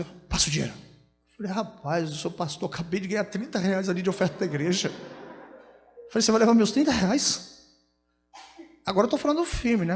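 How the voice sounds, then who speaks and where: A Brazilian man, a pastor, preaches with a strikingly high-pitched voice. He tells anecdotes before building to fervent preaching. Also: in a large hall. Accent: Brazilian Portuguese. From São Paulo, Brazil. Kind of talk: storytelling sermon.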